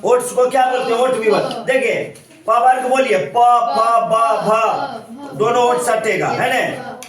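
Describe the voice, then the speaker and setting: A male teacher gives a grammar lesson in class, repeating points and constantly asking questions. His voice is extremely high-pitched at normal speed, heard from far off in an echoey room with a crowd in the background.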